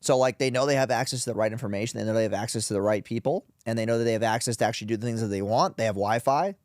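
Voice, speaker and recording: A man's voice: medium pitch, very fast, a little mellow, dry recording, clean studio sound. A man who is a guest on a podcast, talking bluntly and casually, swearing and calling his host dude and bro. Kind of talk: casual interview chat. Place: podcast studio in Las Vegas.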